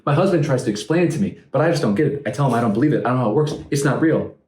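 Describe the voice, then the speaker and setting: A man's voice: mid-range voice, expressive, very fast, a little mellow, roomy sound, voice pushed up, close to an everyday voice. A man voicing a chatty middle-aged woman at a concert who is baffled by how planes fly, rambling and flustered. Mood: chattering.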